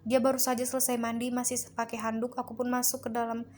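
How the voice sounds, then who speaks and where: A woman narrating a first-person horror story in a steady, earnest way. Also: on the high side, fast talker, slight background noise.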